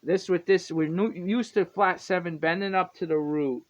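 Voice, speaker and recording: A man's voice: high voice, fairly even intonation, moderate pace. A man teaching guitar in a casual, rambling way, often correcting himself and chuckling. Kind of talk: casual music lesson. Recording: dull lo-fi with guitar playing.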